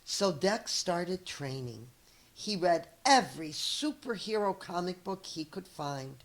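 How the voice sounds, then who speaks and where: With a lowish voice, a middle-aged woman reads a children's picture book as a teacher would, deliberate and expressive, adding chatty asides as she goes.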